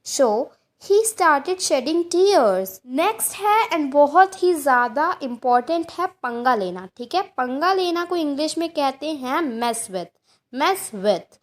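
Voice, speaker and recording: Slow, high-voiced Indian woman teaching English. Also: expressive. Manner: repeats each word and spells it out letter by letter; reads English example sentences very slowly and deliberately. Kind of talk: vocabulary lesson.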